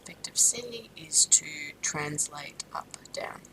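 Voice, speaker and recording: An Australian woman teaches a maths lesson in a recorded classroom, her low, whispered voice stuffed up from a sinus infection yet lively in intonation and slow in pace. She explains steadily with frequent ums and self-corrections, and the audio quality is poor.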